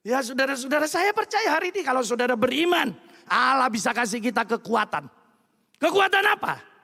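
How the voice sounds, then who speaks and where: A man's voice: extremely high pitch, vocal fry. A man from Madura with an East Javanese accent, a pastor preaching a humorous sermon and slipping into voices for his anecdotes. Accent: East Javanese Indonesian with Madurese flavor. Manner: animated, jumps between voices in anecdotes. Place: church hall. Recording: reverberant church hall.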